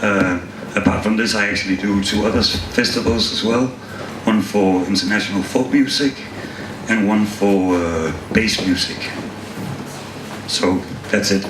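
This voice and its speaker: Low-voiced man from Denmark, distant and echoey. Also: a little slow. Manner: hesitant, with fillers. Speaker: festival manager. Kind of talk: self-introduction on a panel. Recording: echoey hall, distant, noisy.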